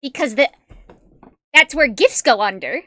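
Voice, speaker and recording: A woman speaks at a measured pace in a high, animated, fairly bright voice, with no echo. She's streaming and chatting casually with viewers in a tiny, cute voice, giggling often between comments and rambling along with fillers and self-corrections.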